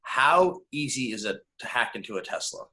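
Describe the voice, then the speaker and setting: A man hosting a casual interview, eager and halting, with lots of fillers as he asks questions. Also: medium pitch, expressive, pushed and bright. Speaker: interviewer, host.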